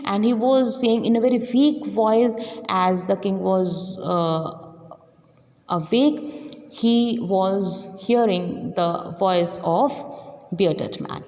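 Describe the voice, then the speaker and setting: Female teacher, unhurried story reader who re-explains every line for the class; reverberant room. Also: medium pitch, darkish tone. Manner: slow, patient, retells each line in simpler words. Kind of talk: reading a story aloud then explaining it to students.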